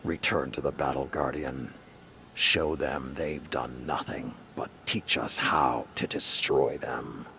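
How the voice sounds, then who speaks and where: Lord Saladin, very deep gravelly old warlord. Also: male voice, steady tone, sharp tone, a little hiss or hum, full character voice. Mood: fierce, grim. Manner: solemn, measured, weighty. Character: stern, battle-hardened old male warlord commander. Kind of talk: dramatic video game dialogue. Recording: music behind the voice.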